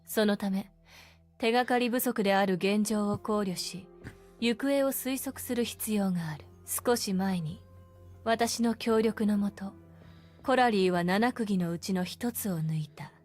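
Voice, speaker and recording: An actress voicing a composed adult woman in a game, speaking in a measured, matter-of-fact way. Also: mid-range voice, darkish tone, faint music behind, close to an everyday voice. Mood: calm. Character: composed, cold adult female strategist.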